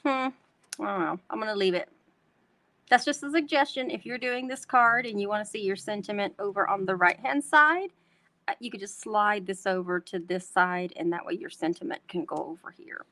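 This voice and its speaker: A woman's voice: mid-range voice, normal speed, fairly bright tone. A woman from North Texas with a Texan twang, hosting a chatty live craft tutorial and talking to her viewers as y'all. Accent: Texan Southern twang. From North Texas, USA. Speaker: host demonstrating card making.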